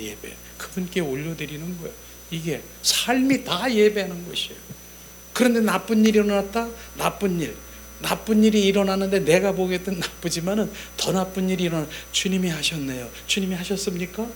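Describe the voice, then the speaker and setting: A man with a notably high voice delivers a sermon in a chatty, conversational way, returning to the same key phrases again and again. He slips into soft, intimate tones when acting out prayers, and a faint hiss sits behind him. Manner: acts out prayers in an intimate, whispering tone. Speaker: pastor.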